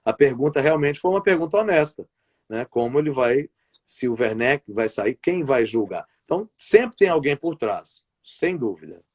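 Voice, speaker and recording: Speaking in a mid-range, slightly rough voice with a darkish tone, a Brazilian wrestling commentator and play-by-play announcer chats in a sing-song way at normal speed. It's a casual interview over a video call, streamed live. He wanders from point to point and often restarts what he's saying.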